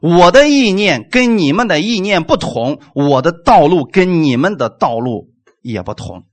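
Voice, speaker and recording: A man delivers an animated sermon in a voice on the high side, unhurried and packed with rhetorical questions, capping each point with "amen."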